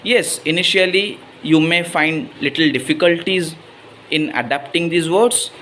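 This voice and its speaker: Here a man's fairly high voice comes across pushed and bright at a measured pace, with a slight hiss or hum behind it. He teaches English pronunciation out loud, an Odisha native whose first language is Odia and whose accent reflects it; Hindi creeps into his English, and "right?" recurs often.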